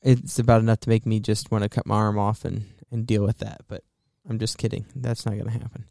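A man's voice: on the low side, little pitch movement, fairly quick, gravelly, warm tone, no room sound, clean studio sound. A man hosting a podcast, chatty and joking in casual talk. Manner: chatty and joking, loose with fillers. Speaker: podcast host. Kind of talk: casual chat.

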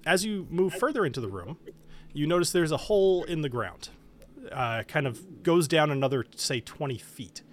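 Easygoing man narrating as game master. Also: mid-range voice. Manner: relaxed, descriptive, with frequent fillers.

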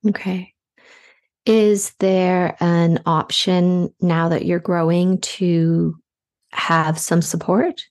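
Slow, soft-spoken podcast host woman. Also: fairly low pitch, level tone. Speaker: podcast host giving intuitive readings. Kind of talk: gentle reflective podcast talk.

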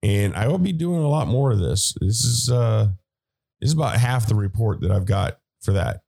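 A low-pitched man hosting a talk podcast. He walks through current events in a relaxed, conversational way, filling pauses with "uh" and "you know.". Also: vocal fry. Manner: conversational, with fillers and asides. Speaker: podcast host. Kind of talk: casual political commentary.

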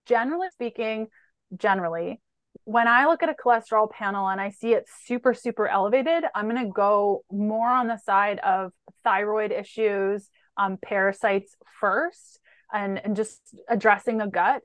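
Woman nutritionist walking through lab markers one by one, mid-pitch, dry close sound. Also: moderate pace, fairly bright tone, no echo. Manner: methodical, lists lab markers one after another. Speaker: holistic nutritionist guest. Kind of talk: explanatory interview answers.

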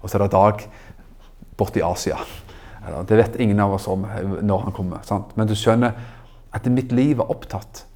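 Animated Norwegian preacher man. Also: on the low side. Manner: animated, rising emphatic exclamations; asks the audience questions. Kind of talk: sermon.

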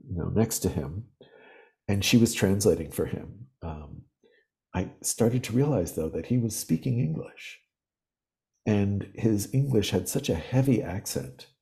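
A man in his sixties, a podcast guest, telling reflective, vivid stories at an unhurried pace with frequent pauses. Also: sits low, mellow. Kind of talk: storytelling interview.

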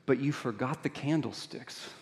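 A gentle old bishop speaks low and solemn, voiced by a man retelling the story. His tone is hushed and mild, and his pitch sits in an ordinary middle range. The voice carries a long reverb from a large hall. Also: moderate pace, vocal fry, close to an everyday voice. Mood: cheerfully insistent. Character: gentle older male bishop, merciful.

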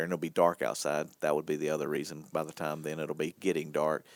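A man's voice: low-pitched, dry recording. A man co-hosting a church podcast, chatting casually and teasing his co-hosts with a laugh. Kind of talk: casual chat.

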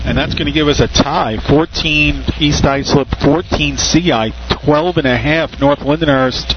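A man's voice: fairly high pitch, unhurried. A man giving live sports commentary on a race. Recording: muffled and very noisy trackside audio.

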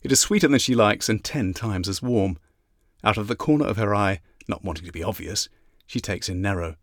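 A man narrating an audiobook in a measured, even reading. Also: fairly low pitch, no echo, studio quality. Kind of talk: scripted narration.

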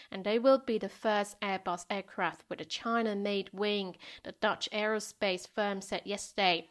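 A woman presenter reading scripted business and market news at a rapid clip. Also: on the high side.

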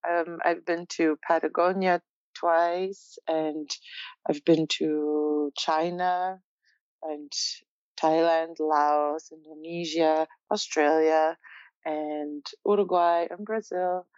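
A young woman from Poland, a guest in a casual interview, talking in a relaxed, reflective way and laughing often. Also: deep voice, slow, clear, resonant tone, no echo, lo-fi sound.

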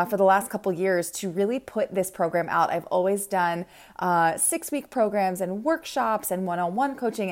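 A woman's voice: mid-range voice, darkish tone. A woman in her thirties hosting a motivational podcast, recorded in a small closet, speaking in an emphatic, informal pep-talk way. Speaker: podcast host and confidence coach. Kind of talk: casual motivational podcast monologue.

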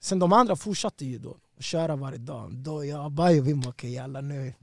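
Brief: high-voiced man, animated and slangy, dry close sound. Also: gravelly, no echo. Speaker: guest fighter. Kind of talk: casual storytelling.

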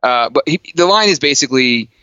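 A man's voice: medium pitch, animated, fairly quick, sharp tone, clear, resonant tone, dry recording, dull audio. A man co-hosting a casual film podcast, easygoing and a bit hesitant, poking fun at himself. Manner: easygoing, hesitant, self-deprecating. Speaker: podcast co-host.

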